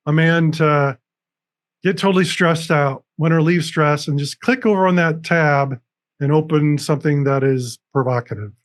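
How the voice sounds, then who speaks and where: A man's voice: on the high side, moderate pace. A man speaking as a guest on an interview show, earnestly explaining things step by step with frequent restarts, over a video call. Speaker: recovery coach guest. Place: room with dragon decorations behind him.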